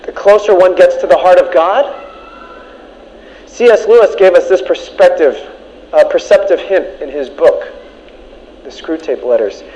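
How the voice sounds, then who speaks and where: A man's voice: high voice, a little mellow. A male preacher delivering a sermon emphatically, repeating key lines for the congregation. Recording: dull lo-fi recording.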